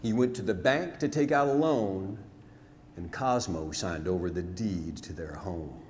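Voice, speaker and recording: On a theatre stage, a man with a low, darkish, unhurried voice performs a rhymed narrative ballad as a storyteller, delivering it in a dramatic, folksy, emphatic style. The live recording is noisy, with hall reverb.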